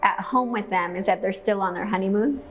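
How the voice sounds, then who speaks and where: A woman's voice: medium pitch, fairly quick, faint music behind. A woman born in the United States telling her family's story in an interview, fluent and articulate. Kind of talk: personal storytelling.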